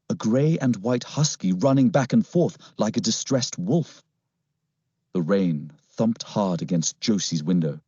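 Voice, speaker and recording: A man narrating a first-person story in an expressive, dramatic reading. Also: lowish voice, slightly rough, dry recording. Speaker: audiobook narrator. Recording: slightly muffled, dry.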